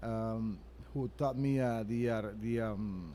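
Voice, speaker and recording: A man from Venezuela, a chef being interviewed at his restaurant, speaking earnestly and haltingly with many restarts. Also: lowish voice, warm tone, a little hiss or hum. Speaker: chef and restaurant owner, guest. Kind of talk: interview answers.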